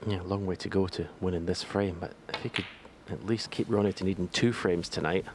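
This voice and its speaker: Low-voiced man analysing live snooker. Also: fairly even intonation, fairly quick. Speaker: snooker commentator, pundit. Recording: faint background noise.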